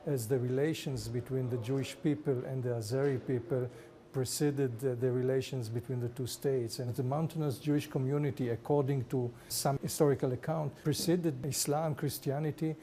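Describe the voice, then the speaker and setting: Man, Israeli accent, mellow voice, formal interview answers, halting, noisy location. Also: medium pitch, steady tone. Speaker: ambassador. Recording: clear background noise.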